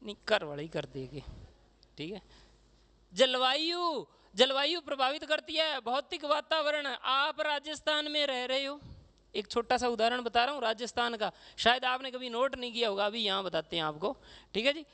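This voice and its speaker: A male teacher from Rajasthan, lecturing a class in a chatty way and filling pauses with "okay". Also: very high-pitched, pushed and bright. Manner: chatty, says "theek hai" constantly, acts out regional speech.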